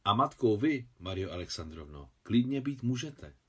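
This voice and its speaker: A bearded Orthodox monk lays out church rules in a formal, explanatory tone, read by a man. The delivery is steady and slightly raised against the narration. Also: fairly low pitch, husky, heavily acted.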